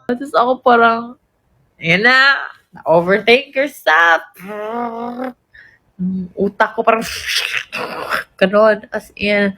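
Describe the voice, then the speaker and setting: Young woman, Filipino accent, slightly high voice, reflective, laughs between lines. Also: animated, takes it slowly, pauses often, bright, forceful tone, rough recording. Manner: reflective, mixes English in, laughs. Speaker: pop group member. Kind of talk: casual storytelling.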